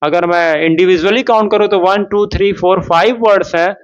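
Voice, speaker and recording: A man teaching a spoken English lesson in Hindi, drawing out his English example sentences slowly. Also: sits high, fairly even intonation. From India. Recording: dull lo-fi sound.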